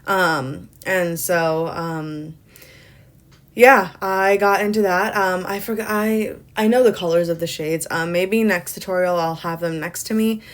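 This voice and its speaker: A young woman with a slightly low voice, talking through her makeup routine in a loose, chatty way. She rambles, fills pauses with ums, and pokes fun at herself as she goes. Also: steady tone. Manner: self-deprecating humor. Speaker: beauty vlogger. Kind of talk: casual makeup tutorial voice-over.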